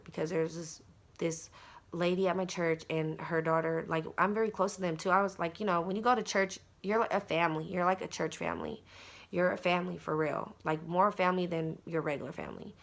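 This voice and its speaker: A mother telling a personal story in a casual vlog, earnest and insistent, often speaking straight to her viewers. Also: fairly low pitch. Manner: earnest, insistent, with many fillers and direct address to viewers.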